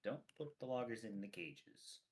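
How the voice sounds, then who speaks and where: A man in his late twenties chats casually while helping a friend write a campaign, dropping dry, wry jokes along the way. His voice is lowish and slightly rough, with lively intonation and a moderate pace.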